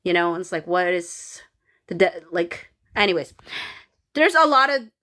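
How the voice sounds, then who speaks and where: Reading chat on her casual livestream, a woman from the Philippines who may be in her thirties rambles with frequent fillers and restarts. Her lowish voice has lively intonation at normal speed and sounds pushed and bright.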